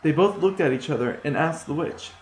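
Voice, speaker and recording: A man's voice: on the high side, fairly quick. A man, a student, telling a rewritten fairy tale in a plain, slightly hesitant way. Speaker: storytelling student. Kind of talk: storytelling. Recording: echoey room.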